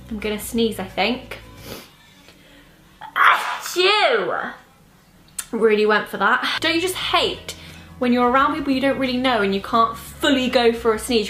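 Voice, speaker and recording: A woman's voice: fairly high pitch, a bit bright. A young woman in her twenties chatting casually in a home vlog, sneezing often and saying bless you. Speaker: vlogger. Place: home indoors. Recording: echoey room.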